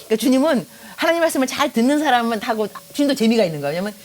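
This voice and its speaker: A middle-aged South Korean woman, a pastor, preaches a sermon in a rather high, rapid-fire voice. She tells lively stories laced with jokes and speaks straight to her congregation.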